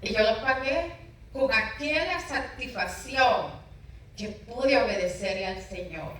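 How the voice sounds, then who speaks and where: A middle-aged woman pastor with a bright, ringing voice shares her testimony with feeling, acting out the conversations she remembers. She sits some way from the mic in a very echoey room. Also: fairly high pitch, expressive, slow, recorded from a distance. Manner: emotional, storytelling with dramatic retold dialogue. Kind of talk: personal testimony in an interview.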